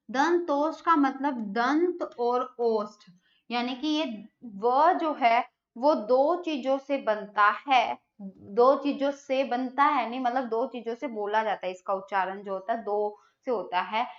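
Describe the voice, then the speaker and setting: A woman's voice: on the high side, muffled recording. A woman teaching a live online Hindi grammar class, who asks questions and answers them herself.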